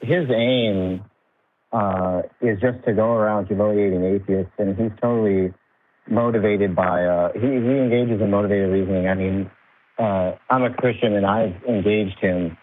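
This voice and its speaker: A man's voice: sits low, a little hiss or hum. A man calling in to a show, his voice muffled and fuzzy as if heard through a door, talking earnestly and courteously. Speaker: caller to a call-in show. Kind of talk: call-in conversation. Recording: muffled, fuzzy phone-like call line.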